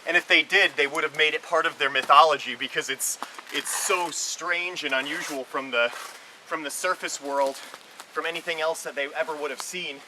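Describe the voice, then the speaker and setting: A man's voice: on the high side, fairly even intonation, normal speed, background noise. A man chatting casually and with awe as he explores a cave as an amateur caver. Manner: awed, marveling. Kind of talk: casual exploration vlog chat. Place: in and around a small marble cave.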